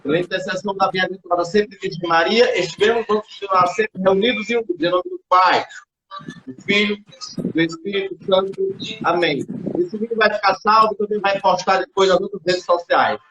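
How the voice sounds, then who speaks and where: A man's voice: high voice, moderate pace, bright, forceful tone, a little hiss or hum, low-quality recording. A man with a Brazilian accent hosting and closing a live religious broadcast, blessing and thanking viewers. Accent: Brazilian Portuguese. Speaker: host.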